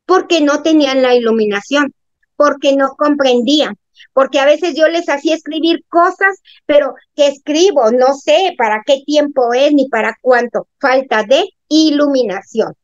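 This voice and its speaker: A woman's voice: high voice, normal speed, dry recording. A middle-aged woman, a pastor and prophet, preaching a Bible study in an earnest teaching tone, often checking in with her listeners. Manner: earnest teaching, with questions to the audience. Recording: dry, dull lo-fi sound.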